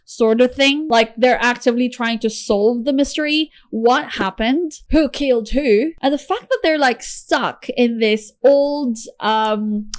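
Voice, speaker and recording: A woman's voice: on the high side, measured pace, hardly any pauses, dry recording. A woman chatting casually in a book haul video, chirpy, with playful asides and exclamations. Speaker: book vlogger showing a book haul.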